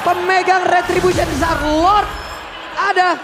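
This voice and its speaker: An Indonesian-accented man giving excited play-by-play commentary as an esports caster. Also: very high-pitched, measured pace, background noise. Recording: loud music and crowd behind.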